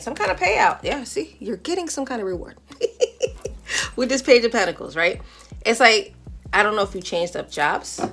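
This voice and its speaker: A fairly high-voiced woman gives a tarot reading, chatting straight to the viewer in a loose, animated way and laughing often. Clear music plays under her voice the whole time. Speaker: tarot reader.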